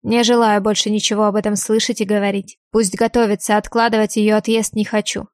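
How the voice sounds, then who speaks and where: A woman's voice: medium pitch, little pitch movement, brisk, a little mellow, no room sound, studio quality, lightly acted. A woman voicing a stern, tired older prince who is the heroine's father in an audiobook. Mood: weary. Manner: curt, tired.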